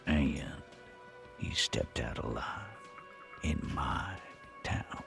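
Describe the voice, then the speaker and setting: A man's voice: rumbling low, lively intonation, very slow, vocal fry, exaggerated voice. An actor playing a hostile, threatening male dockworker union boss in a video game. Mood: grim. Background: game music.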